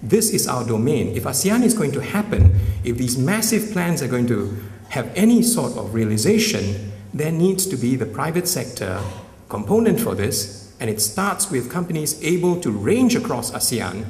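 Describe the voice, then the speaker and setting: A man's voice: mid-range voice, very animated, normal speed, a little mellow. A man giving a keynote speech at a summit, emphatic and often tagging his points with "right?". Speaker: summit speaker. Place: large conference hall. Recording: echoey hall, mic at a distance.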